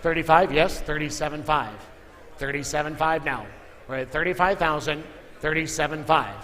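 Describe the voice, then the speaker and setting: A man's voice: fairly high pitch, normal speed, bright, forceful tone. A man working as an auctioneer, calling live bids in a repetitive chant of figures. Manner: repeats figures and calls for bids. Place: large indoor auction room. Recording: echoey hall with clear background noise.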